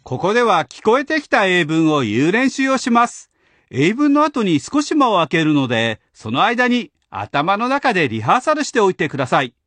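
A man hosting a language lesson, explaining grammar in a clear, patient, instructional way. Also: sits high, huge pitch swings, moderate pace, a bit bright, no echo. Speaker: language teacher host.

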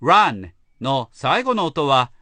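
A man explaining pronunciation rules as an English teacher, slow and careful. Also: on the high side, sing-song, pushed and bright, dry recording. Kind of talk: instructional narration.

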